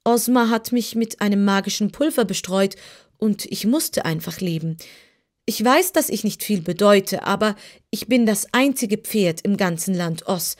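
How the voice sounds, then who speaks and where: A woman's voice: medium pitch, unhurried, natural voice. A woman voicing a living wooden sawhorse that speaks earnestly and politely, in a storybook reading. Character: living wooden sawhorse, modest yet proud.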